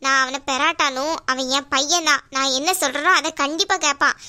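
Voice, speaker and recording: A woman's voice: fairly even intonation, sharp tone. A woman voicing a scheming, domineering middle-aged aunt in a cartoon, talking in a bossy, scornful way. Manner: bossy, scornful, low and slow. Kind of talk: cartoon voice acting.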